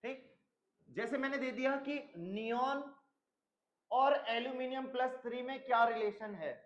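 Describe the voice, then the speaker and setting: A man's voice: extremely high pitch, measured pace, a bit bright, muffled recording. A man teaching a chemistry class in a stern lecturing manner, mixing English terms into his speech. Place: coaching classroom.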